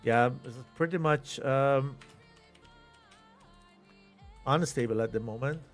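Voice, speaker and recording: A middle-aged Iranian man whose first language is Persian commentates a live flight-sim tournament from home as a stream commentator. His voice is mid-range and his pace moderate as he unhurriedly thinks aloud, with faint music behind him.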